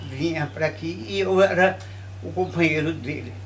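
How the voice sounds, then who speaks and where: At a historic old mansion, an older man from Bahia, Brazil, reminisces about local history in an interview as a local storyteller. His voice is a little high for a man, and he speaks unhurriedly in short phrases, frequently using tag questions. Noisy outdoor ambience is clearly heard behind him.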